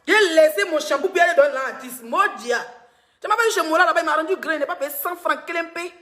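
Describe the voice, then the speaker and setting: A woman's voice: very high-pitched, fast talker, a bit bright. A woman blogger, giving teasing gossip commentary on a live stream and laughing often.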